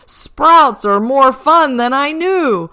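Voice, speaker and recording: Woman voicing a bright, hearty old Santa Claus. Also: high voice, lively intonation, slow, voice pushed up, full character voice. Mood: jolly.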